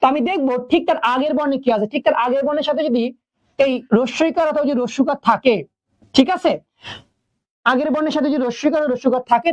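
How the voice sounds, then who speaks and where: A woman's voice: high-pitched, a little mellow, no echo. A woman teaching a spelling class, asking her students questions and then answering them herself. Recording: dull lo-fi recording.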